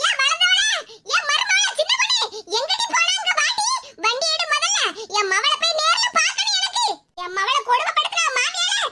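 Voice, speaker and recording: Woman playing a fierce doting cartoon mom, shrill and high, southern Tamil accent, heavy hiss. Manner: loud and protective, calling out. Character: fierce, doting middle-aged mother. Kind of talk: cartoon voice acting. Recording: loud background hiss.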